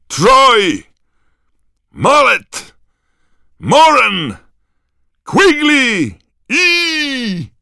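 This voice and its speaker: A man voicing a booming male stadium announcer who calls out names to a crowd, in an audiobook reading. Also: pushed and bright, no echo, clean studio sound, full character voice.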